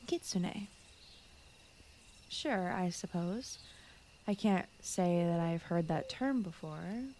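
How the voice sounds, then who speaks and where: In a soothing bedtime ASMR roleplay, a woman with a mid-range voice plays a gentle, shy fox spirit guarding a forest. She speaks softly, often slipping into whispers, rambling and apologetic. Clear night ambience of crickets, insects and forest fills the background with slight noise.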